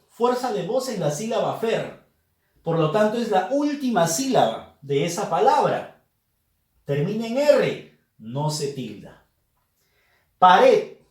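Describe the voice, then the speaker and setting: A man's voice: high-pitched, darkish tone, echoey room. A man who is a language teacher, giving a grammar lesson in a video and speaking emphatically straight to his students. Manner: emphatic, addresses students directly.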